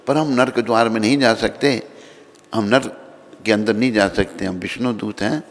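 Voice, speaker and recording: A man's voice: lowish voice, steady tone, moderate pace, lightly acted. Courteous divine messengers, voiced by a man. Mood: polite. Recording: reverberant hall.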